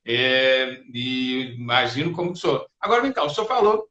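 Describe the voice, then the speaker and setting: A man's voice: mid-range voice, sing-song, fairly quick, bright, forceful tone, dull audio. A man hosting an interview, reflecting on his guest's points and often tagging his sentences with a question for agreement. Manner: reflective, tags sentences with "né" and "não é mesmo". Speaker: interview host. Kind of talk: interview talk. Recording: roomy echo.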